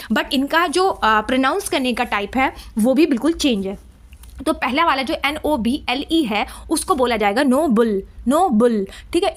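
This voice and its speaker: High-voiced woman teaching English. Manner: patient, repeats words slowly, says "theek hai" often. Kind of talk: explaining pronunciation lesson.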